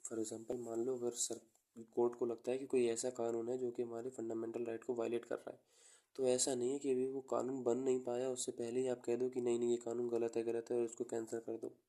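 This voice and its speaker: A man teaching an exam coaching class, explaining with everyday examples and dictating notes slowly. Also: medium pitch, completely flat delivery, mellow. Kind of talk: classroom lecture.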